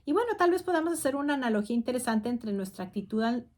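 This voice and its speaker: A woman's voice: on the high side, animated, fast, darkish tone. Woman reading devotional doctrine aloud. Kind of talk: religious talk show.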